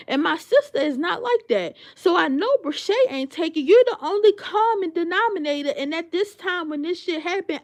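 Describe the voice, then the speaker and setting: A young woman on a livestream telling a heated story, profane and indignant, with lots of fillers. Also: sits high.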